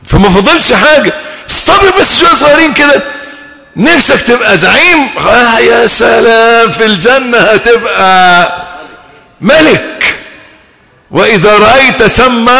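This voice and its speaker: Egyptian male preacher, animated and playful, raised voice at times, bright edge, echoing hall. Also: very high voice, creaky. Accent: Egyptian Arabic. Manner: animated, acts out listeners' wishes, shouts at times. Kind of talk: sermon. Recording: long hall reverb.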